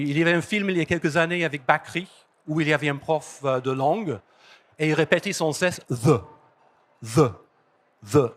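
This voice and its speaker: Englishman with a fairly high voice lecturing. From London, England. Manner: energetic, repeats key phrases for emphasis. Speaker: conference speaker. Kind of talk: conference presentation. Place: conference hall.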